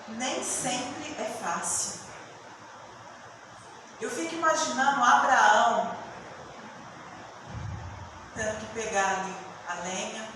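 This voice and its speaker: Woman preaching in an echoey hall. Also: fairly high pitch. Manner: emotive storytelling, swinging between hushed and loud. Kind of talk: sermon. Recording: echoey hall from far off with room noise.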